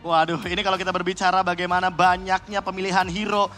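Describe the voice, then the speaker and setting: A man doing energetic, chatty esports caster analysis, mixing English gaming terms into his talk. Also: high-pitched, fast, faint music behind.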